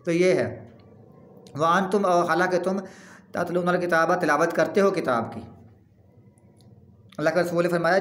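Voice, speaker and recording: A man with a fairly high voice gives a scripture lesson in an echoey room. He recites each verse slowly and then explains it plainly, like a teacher. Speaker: religious teacher. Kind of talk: Quran commentary lesson.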